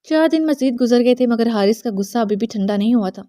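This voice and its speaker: A woman reads a romance novel aloud, voicing every character's dialogue herself with only light changes. Her voice sits a little high and sounds mellow and warm. It is recorded close and dry, with no room sound. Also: dry recording. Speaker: audiobook narrator.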